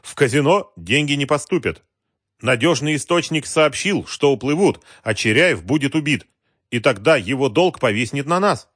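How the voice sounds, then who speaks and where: A man's voice: mid-range voice, lively intonation, moderate pace, a bit bright, slightly rough, dry recording, clean studio sound, pitched above the performer's own voice. A man voicing a nervous, defensive, scheming henchman. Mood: anxious. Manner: anxious, defensive.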